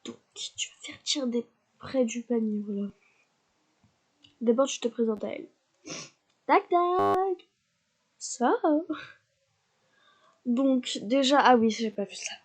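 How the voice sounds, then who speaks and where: A woman casually commentating her life-simulation gameplay, chatty and excitable, talking to her characters, sniffly from a cold. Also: on the high side, unhurried, long pauses, breathy edge. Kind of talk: casual let's-play commentary.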